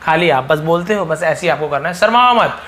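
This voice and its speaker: A man's voice: a little high, fairly even intonation, fast. A man teaching spoken English in a casual lesson, repeating each phrase and asking rhetorical questions.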